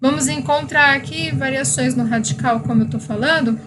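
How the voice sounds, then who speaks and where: A woman's voice: sits high, normal speed, over music, rough recording. A woman teacher with a Brazilian Portuguese accent, reciting verb conjugations in a grammar lesson for exam students and checking in with "tá?" and "né?". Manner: recites verb tables, adds frequent "tá?" and "né?".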